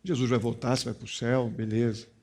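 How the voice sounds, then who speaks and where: A man with a Brazilian Portuguese accent, a pastor preaching a sermon, stressing key phrases and then dropping to a quiet, confiding tone. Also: mid-range voice, flat delivery, fast talker.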